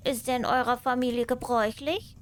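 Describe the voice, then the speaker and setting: A woman's voice: on the high side, steady tone, fairly quick, voice pushed up, natural voice. A woman voicing a small, trusting female mouse in a fairy tale, earnest and inquisitive. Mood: puzzled.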